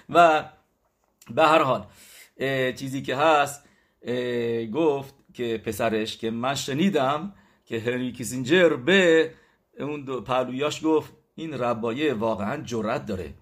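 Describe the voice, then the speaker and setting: A man at a middle pitch teaches from the weekly Torah portion and retells old stories. He sometimes stops to search for a word or fix a slip. He then drives his point home with loud, forceful bursts. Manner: storytelling, with loud emphatic bursts; self-correcting, searching for words. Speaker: religious teacher.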